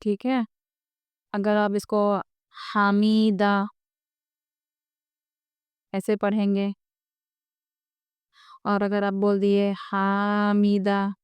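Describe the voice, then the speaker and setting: Slow, patient woman teaching pronunciation. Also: mid-range voice, completely flat delivery, a little mellow, smooth, dry recording. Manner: asks "theek hai?" often. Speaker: Quran reading teacher. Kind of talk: slow spoken lesson.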